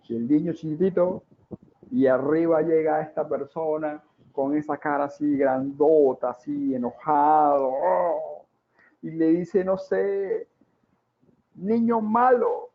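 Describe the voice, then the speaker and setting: A man in his forties giving a talk on child development, dramatic and full of rhetorical questions and drawn-out repetitions. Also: a little high. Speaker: parenting educator. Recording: tinny, phone-like sound.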